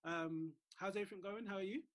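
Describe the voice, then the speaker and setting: A man's voice: sits high, quick pace. A man hosting a sports business podcast from home, friendly and hesitant with many fillers. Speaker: podcast host. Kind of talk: casual podcast interview.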